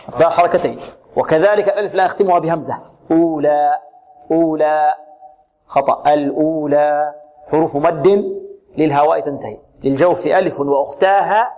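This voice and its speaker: Male Quran recitation teacher, fairly high voice, patient question-and-answer delivery, slow drawn-out example sounds, dull lo-fi radio sound. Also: darkish tone. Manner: patient, asks questions then answers them himself; repeats sounds and words slowly, drawing them out. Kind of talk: tajweed lesson with recited examples.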